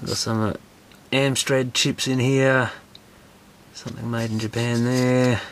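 A man's voice: mid-range voice, little pitch movement, measured pace, a little hiss or hum. A man casually talks through a computer teardown at his workbench, thinking aloud as he goes. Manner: thinking aloud, hedging guesses. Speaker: electronics repair host. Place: workshop bench, indoors.

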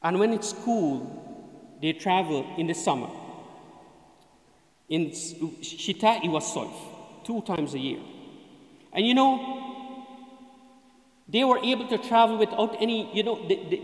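A man's voice: high-pitched, a bit bright. A middle-aged man giving a Friday sermon at a mosque, emphatic and gesturing, chanting Arabic verses between his points. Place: mosque prayer room, indoors. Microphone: desk mic on stand. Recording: echoey hall with long reverb.

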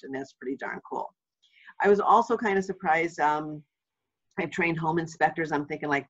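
A woman home watch trainer giving an informational webinar in a chatty, anecdotal way with lively asides. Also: low voice, vocal fry, slightly rough, muffled recording.

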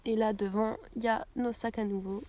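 Young woman vlogging from her tent on a phone, kinda high voice, chatty n hesitant, faint noise around. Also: little pitch movement, a little fast, a little mellow. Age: young adult. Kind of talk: casual vlog chat to camera. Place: inside a tent at a summer festival campsite. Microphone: phone camera held at arm's length.

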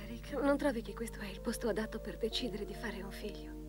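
An actress playing a gentle, affectionate, hesitant wife in her thirties in a dubbed film drama. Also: mid-range voice, quick pace, over music, natural voice. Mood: tender.

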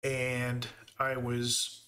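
A man's voice: mid-range voice, monotone, very slow, sharp tone, smooth. A man with a Canadian accent giving easygoing live commentary while he plays a game and thinks aloud. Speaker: game streamer.

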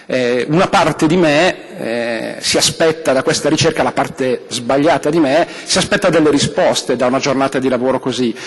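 Hesitant priest speaking in a big hall. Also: male voice, medium pitch, normal speed, few pauses, breathy edge. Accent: Italian. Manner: thoughtful, hesitant with many fillers and restarts. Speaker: diocesan communications director. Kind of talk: conference address. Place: large conference hall with audience. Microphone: desk microphone. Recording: long hall reverb.

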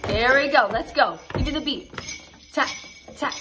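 A woman's voice: high voice, expressive, fairly quick, background noise. A woman hosting a children's music show, leading songs and games in a bubbly, sing-song way with lots of laughing.

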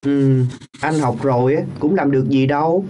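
A woman's voice: a bass voice, normal speed, warm tone. A woman voicing a poor teenage boy who sells lottery tickets, speaking in a coaxing, brotherly way in a radio drama.

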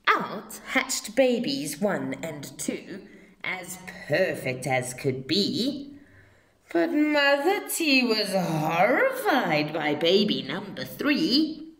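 A woman reading a children's story aloud with expressive, dramatic emphasis and deliberate phrasing. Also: lowish voice, a little hiss or hum. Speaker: storybook reader. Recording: roomy, echoing home recording.

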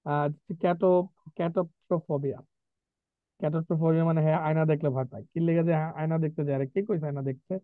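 Teacher over a tinny call. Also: male voice, a little high, steady tone, fast, no room sound. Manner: repetitive, drills spellings and pronunciation, chatty asides. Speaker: English teacher. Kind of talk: online vocabulary class. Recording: tinny dry online call.

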